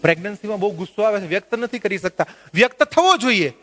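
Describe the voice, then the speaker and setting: A man leading a workshop, lecturing a live audience in an animated, joking way and putting questions to the listeners. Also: high voice, quick pace. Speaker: workshop trainer. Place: workshop at a religious venue.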